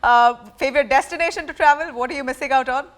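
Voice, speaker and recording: A woman's voice: high-pitched, fast. A woman with an Indian accent asking questions as the interviewer in a casual celebrity chat.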